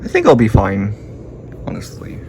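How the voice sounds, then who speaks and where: In a creaky whisper, a low-voiced man mutters at a moderate pace, his pitch swooping wildly. He is a hobbyist filming his radio repair work on a noisy home video, musing to himself in casual, sweary commentary.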